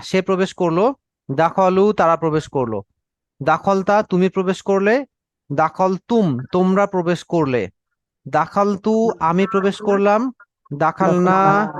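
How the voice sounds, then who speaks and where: A man's voice: high-pitched, no room sound, lo-fi sound. A young man teaching an online class, drilling Arabic verb forms and stopping often to ask "okay?", with English words mixed into his speech. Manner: mixes English words into Bengali.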